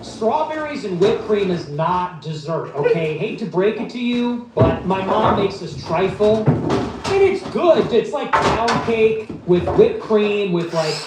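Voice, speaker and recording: A man's voice: high-pitched, sing-song, slow pace. A man hosting a livestream, talking in a blunt, sarcastic, rambling monologue. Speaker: livestream host. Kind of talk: casual ranting monologue. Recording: echoey, distant, noisy room.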